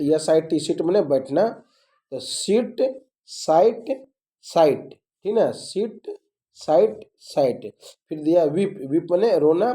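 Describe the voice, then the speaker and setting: A middle-aged male teacher. He drills verb forms slowly, spelling out and repeating each word. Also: a little high, mellow. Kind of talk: lesson on English verb forms.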